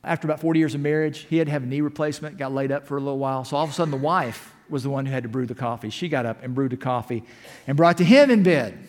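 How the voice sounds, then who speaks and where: A male pastor giving an impassioned sermon in a church, building to shouts and firing off rhetorical questions. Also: mid-range voice, racing. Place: church sanctuary. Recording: long hall reverb.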